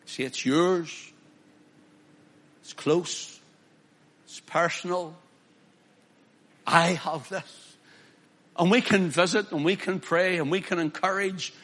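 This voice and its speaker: A male preacher, his voice high and bright. He preaches emphatically, rising to loud declamations and dropping to soft, personal appeals. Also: steady tone, takes it slowly, long pauses. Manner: emphatic, swings from loud declaiming to quiet pleading. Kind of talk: sermon.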